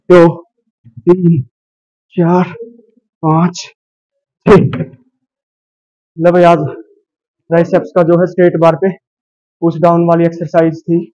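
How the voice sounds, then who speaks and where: Slow-talking man gym trainer. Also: fairly high pitch, dark tone, muffled recording. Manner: counts reps aloud, addresses viewers as brothers. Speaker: gym trainer and fitness vlogger. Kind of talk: casual workout instruction. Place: large indoor gym. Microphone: lapel.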